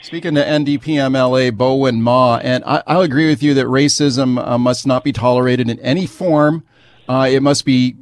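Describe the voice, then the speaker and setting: A man's voice: mid-range voice, no room sound, clean studio sound. A man hosting a radio talk show, questioning his guest in a conversational way, full of hedges and fillers. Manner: conversational, hedging, lots of fillers.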